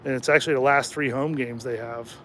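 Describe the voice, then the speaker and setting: A man hosting a casual livestream outdoors at night, jokey and rambling, his throat slightly hoarse from talking. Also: medium pitch, fairly even intonation, fast talker, a bit bright, slight background noise. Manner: rambling and jokey, laughs often. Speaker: channel host and rideshare driver.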